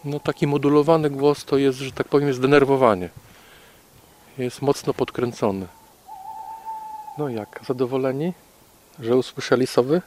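A man guiding a night walk in the forest, calmly explaining owl behavior to a group with fillers and repeats. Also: medium pitch, moderate pace, pauses often, slight background noise. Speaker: naturalist guide on a night walk.

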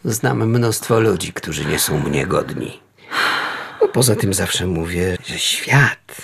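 A man voicing a vain, lofty old male house cat who talks in a mock-philosophical way, with a gravelly, husky voice. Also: fairly low pitch, full character voice. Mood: grandiose.

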